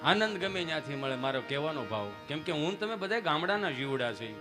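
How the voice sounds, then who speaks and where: A man's voice: on the high side, brisk, over music. A man telling folk jokes and stories on stage, acting out many voices. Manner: lively joke-telling with many acted voices. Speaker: folk comedian. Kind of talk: live stage storytelling.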